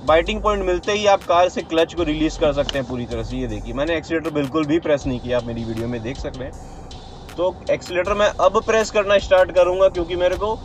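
Man teaching driving from inside a car. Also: a little high. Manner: explains step by step while driving, with many fillers and restarts. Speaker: driving instructor. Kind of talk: casual in-car driving tutorial. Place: inside a car on a city road. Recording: car and road noise behind.

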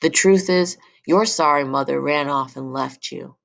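A woman voicing a harsh, cruel middle-aged father who sneers and flares into yelling, in an audiobook reading. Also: fairly high pitch, big pitch swings, measured pace, voice pushed up, full character voice. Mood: cold, cruel.

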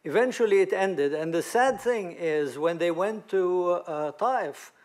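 A man's voice: sits high, lively intonation, a little slow. A man in his fifties from Lebanon, speaking on a conference panel at a table microphone, with frequent hesitant fillers.

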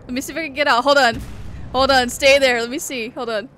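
A woman's voice: sits high, fairly even intonation, quick pace, fairly bright tone, slight background noise. A woman hosting a gaming channel, giving laughing, exclamatory commentary as she plays an online shooter with friends. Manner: giggly, exclamatory, amused. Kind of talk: laughing live gameplay commentary.

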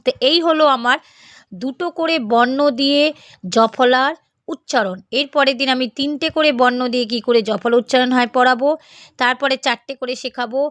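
High-voiced woman sounding out syllables. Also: steady tone, fairly bright tone, dry recording. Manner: slow, deliberate sounding out of syllables. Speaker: reading teacher. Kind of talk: spelling-out reading lesson.

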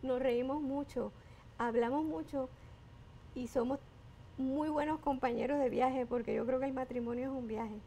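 A woman's voice: high voice, fairly even intonation, normal speed, mellow, a little hiss or hum. A Puerto Rican woman in her fifties with an accent blended with Panamanian, talking expressively and effusively as an interview guest. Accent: Puerto Rican Spanish blended with Panamanian. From Puerto Rico. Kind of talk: casual interview talk.

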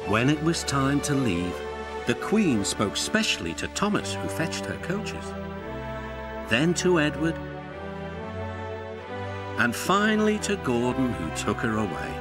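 Brief: male storybook narrator, animated, expressive reading, loud music bed. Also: mid-range voice, unhurried, pauses often.

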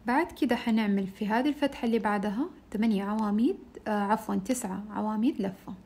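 A woman's voice: medium pitch, fast talker, a little mellow. A woman teaching a crochet shawl step by step, patiently counting stitches aloud. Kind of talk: step-by-step tutorial.

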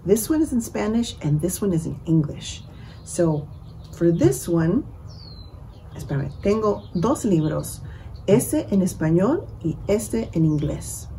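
A woman leading a bilingual children's storytime, switching between English and Spanish and drawing out words slowly to count syllables. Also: fairly low pitch, big pitch swings, warm tone, slight background noise, poor audio. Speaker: children's librarian. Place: library.

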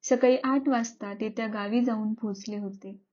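A woman storyteller reading a classic story aloud in a measured, expressive way. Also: on the high side, dull audio. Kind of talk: scripted narration of a classic story.

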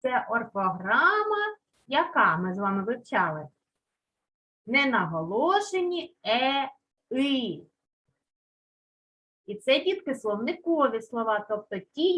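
A woman's voice: high voice, big pitch swings, unhurried, highs cut off. A woman from Ukraine teaching a lesson to young children, stretching out key words and coaxing them with questions. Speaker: primary school teacher.

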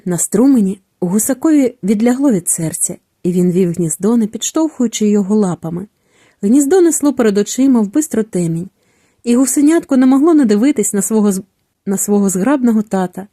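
Calm woman reading a storybook. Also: mid-range voice, no echo, studio quality. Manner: calm, measured storytelling with falling phrase endings. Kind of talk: scripted narration of a children's story.

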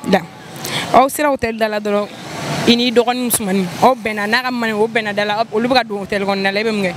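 A woman's voice: medium pitch, steady tone, fairly quick. A young Malian woman with a Malian accent, interviewing passers-by on a busy street with a handheld mic, teasing and laughing often. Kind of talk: street vox pop interview. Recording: street noise outdoors.

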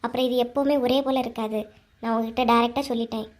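A woman's voice: a little high, fairly even intonation, quick pace, lightly acted. A woman voicing a blunt, complaining young daughter-in-law with a Kanyakumari Tamil accent in a cartoon story.

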